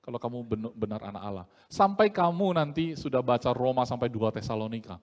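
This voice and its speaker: A man preaching a sermon in a lively, joking way, often acting out the voices he quotes. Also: medium pitch, fairly quick, in a large hall.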